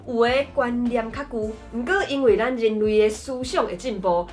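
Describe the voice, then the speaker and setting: Female lesson host, southern Taiwanese Hokkien accent, higher-pitched voice, conversational explainer delivery over light music. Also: normal speed, darkish tone. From Tainan, Taiwan. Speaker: host of a language lesson channel. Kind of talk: scripted lesson explanation to camera.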